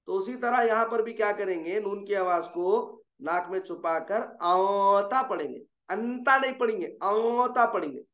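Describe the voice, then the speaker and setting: A man's voice: high-pitched, fairly bright tone. A man teaching Quran recitation rules, explaining patiently and stopping often to ask whether students have understood. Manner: explains patiently, asks checking questions, slows for drawn-out examples. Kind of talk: online tajweed lesson. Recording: dull, echoey room sound.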